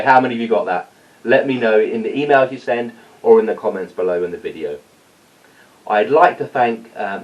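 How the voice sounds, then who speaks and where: Here a male teacher with a mid-range, darkish voice tells a story to his class and talks to the kids in an informal, encouraging way. The sound is dull because he is far from the microphone.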